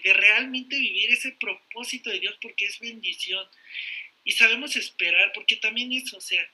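A man talks through faith and dating advice in a casual, animated way. His voice is husky yet strikingly bright and forceful, and he drops jokey asides as he goes. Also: high voice, low-quality recording. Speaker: guest. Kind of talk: casual faith-based podcast talk.

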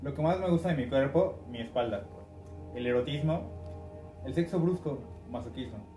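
A young man in his twenties introduces himself as a guest, listing his answers slowly and plainly. He is recorded far from the mic in a roomy, echoing space. Faint music plays underneath. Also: mid-range voice, dark tone. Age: 20s. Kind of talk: casual self-introduction.

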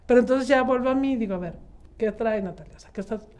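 Mexican woman in her 30s chatting casually, kinda high voice, thinks out loud w lots of fillers. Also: fast talker. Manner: reflective, rambling with many fillers. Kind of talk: casual group chat.

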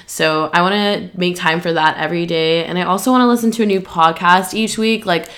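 A woman in her 20s hosts a casual solo podcast, talking through her plans in a low-ish, slightly bright voice at a brisk pace. Allergies leave her a bit nasal and stuffy, and she rambles with plenty of "um" and "like".

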